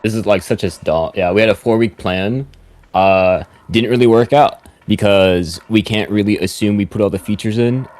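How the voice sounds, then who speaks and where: A man, an indie game developer, chatting casually and rambling into animated rants about how his team builds games. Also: lowish voice, moderate pace, no echo.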